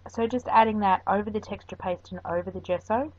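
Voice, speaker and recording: Brisk and a little mellow, this woman's medium-pitched voice narrates a craft tutorial as its host. She chats along, wandering a bit with frequent ums, in a dull lo-fi recording.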